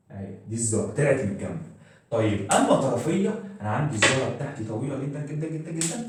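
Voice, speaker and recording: A man with an Egyptian Arabic accent gives a classroom-style school science lesson, asking questions, answering them himself, and repeating key words. His mid-range voice has a darkish tone, with a slight hiss or hum in a very echoey room where the mic sits far away.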